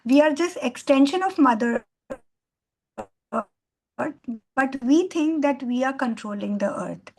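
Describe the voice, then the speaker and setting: A middle-aged Indian woman whose first language is Hindi gives an online lecture as a guest trainer over a video call. Her voice sits high with vocal fry, and her earnest talk rambles with many fillers and restarts.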